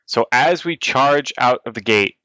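A man's voice: medium pitch, animated, a little slow, pushed and bright, no echo, highs cut off. A man talking casually and with animation as a player in a tabletop game.

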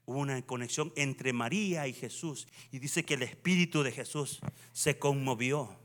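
A male pastor preaching a sermon in a church, swinging from hushed reading to fervent, raised exhortation. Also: medium pitch, moderate pace.

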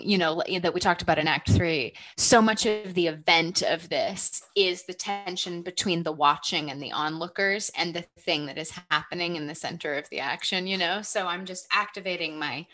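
A woman's voice: fairly low pitch, a bit bright. A woman talking casually and reflectively, like a director thinking aloud with a group.

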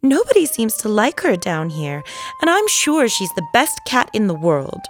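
A woman's voice: mid-range voice, very animated, normal speed, pitched above the performer's own voice, lightly acted. A woman voicing a curious, polite young girl who talks earnestly and pleads, in a storybook reading. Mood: melancholy.

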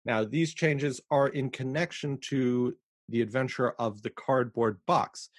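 Chatty podcast co-host, dry sound. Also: male voice, mid-range voice, fairly even intonation, measured pace, dry recording. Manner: chatty, laughing, reads quotes aloud. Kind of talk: casual chat.

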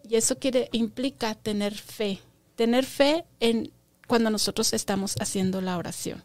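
A woman's voice: on the high side, moderate pace, dry recording. A woman teaching a Bible lesson to children, patiently asking them questions and stressing key words by repeating them.

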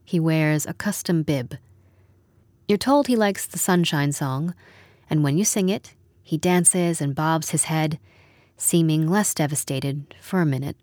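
A woman narrating a literary story in a measured, wry storytelling manner. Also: low voice, darkish tone, dry recording, studio quality. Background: music.

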